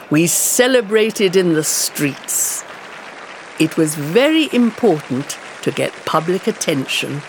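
A woman voices a determined older campaigner for women's rights, looking back on her life in a first-person storybook narration for learners. She reads in an unhurried, measured way, setting out each phrase clearly while her pitch rises and falls expressively. A faint hiss or hum sits in the background.

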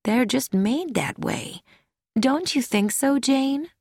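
In an audiobook, a woman raises her voice to play a sweet, carefree old lady, soft and musical, pitched above the narration and lilting freely with lively intonation. She speaks slowly and gently, recorded close and dry with no room sound.

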